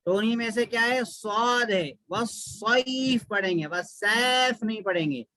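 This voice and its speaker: A man teaching Quran recitation with a Pakistani Urdu accent, chanting verses slowly and then explaining them briskly, asking questions and answering them himself. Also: sits high, fairly bright tone, dry recording, poor audio. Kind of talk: recitation lesson.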